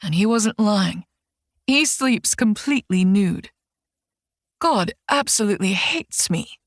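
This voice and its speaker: A woman's voice: medium pitch, animated, takes it slowly, no room sound, clean studio sound. A woman narrating a first-person audiobook in a wry, sardonic tone. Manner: wry, sardonic inner monologue.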